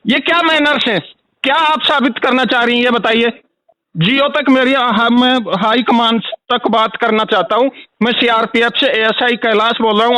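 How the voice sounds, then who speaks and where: An angry man complaining loudly on a recorded phone call. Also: very high voice, dry recording. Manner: furious, ranting, repetitive. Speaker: angry caller.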